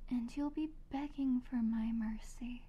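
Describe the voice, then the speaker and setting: A woman's voice: fairly high pitch, fairly even intonation, unhurried, dark tone, husky. A woman playing a possessive, sadistic yandere captor in a whispered role-play, with a sweet, eerily obsessive, teasing manner. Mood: menacing, controlling.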